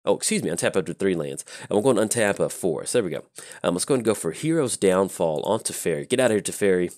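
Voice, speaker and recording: A man's voice: deep voice, fast talker, no room sound, studio quality. A man hosting his channel, chatting casually through a card game with rambling stories and many fillers. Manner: rambling, relaxed, lots of fillers.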